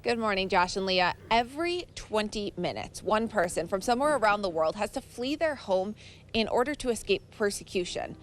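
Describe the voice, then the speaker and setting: A woman's voice: mid-range voice, animated, moderate pace. A woman reporting live in the field, introducing guests and asking polite, guiding questions.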